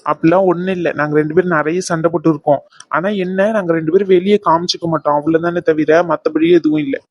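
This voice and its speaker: A woman voicing a calm, loyal younger brother in a cartoon dub, speaking plainly. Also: low-pitched, fast, no echo, dull audio. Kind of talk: cartoon dubbing.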